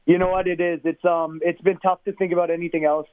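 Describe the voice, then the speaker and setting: A man's voice: high-pitched, level tone, quick pace, no room sound. A man in his twenties, a football player, answering casually in an interview. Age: 20s. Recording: thin phone-like line.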